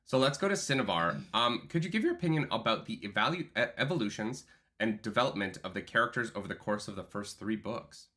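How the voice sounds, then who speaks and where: A man's voice: lowish voice, fast talker. A man in his thirties co-hosting a casual livestream chat, reading viewer messages aloud and talking animatedly. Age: 30s. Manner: animated, reads chats aloud. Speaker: co-host.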